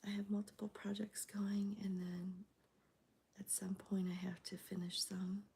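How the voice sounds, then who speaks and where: A woman streaming live, whispering as she chats with viewers, her voice gravelly from a cold. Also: mid-range voice, level tone, unhurried. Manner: soft whispering with fillers. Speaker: crochet livestreamer. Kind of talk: whispered ASMR livestream chat. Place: home, early morning.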